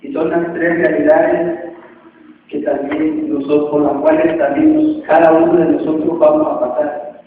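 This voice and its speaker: A man's voice: on the high side, expressive, unhurried, a little hiss or hum. A man preaching a sermon in a large church hall, emphatic with a sing-song cadence, on a tinny, echoey recording taken from far off.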